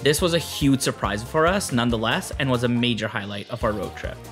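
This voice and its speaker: A man narrates a travel video in a plain, upbeat voice-over, at a middle pitch. Soft music plays under his words. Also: brisk.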